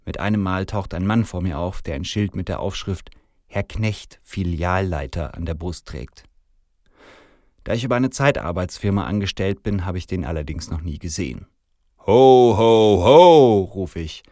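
A man narrating a first-person story aloud in an even storytelling manner. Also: sits low, a little fast, dry recording, studio quality.

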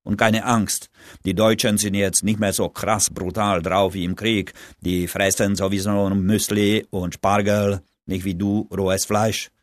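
A man's voice: lowish voice, level tone, unhurried, no echo, clean studio sound, close to an everyday voice. Man reading a crude boozy pub buddy. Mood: mocking. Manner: crude, blunt. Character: boozy young Czech pub buddy, brash joker.

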